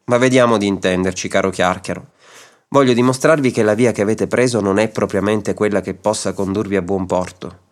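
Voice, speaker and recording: A man voicing a calm, patient judge who reasons gently, in a radio story reading. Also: lowish voice, brisk, natural voice. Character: patient, wry male judge.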